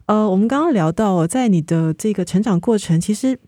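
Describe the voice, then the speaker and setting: A woman with a Taiwanese Mandarin accent hosting an interview podcast, asking calm, measured questions. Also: mid-range voice, no echo, clean studio sound. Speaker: host.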